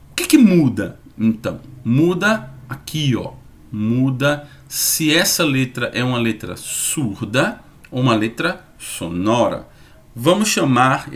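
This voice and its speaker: A man teaching an online lesson, lively and repeating sounds slowly to demonstrate them. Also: mid-range voice.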